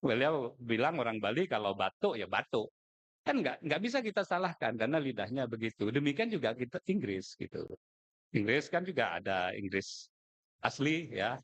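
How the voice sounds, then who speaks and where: A middle-aged man from Madura, Indonesia gives an informal, joking speech at a contest. His medium-pitched voice swings widely in pitch at a normal speed, and he's chatty, dropping colloquial asides.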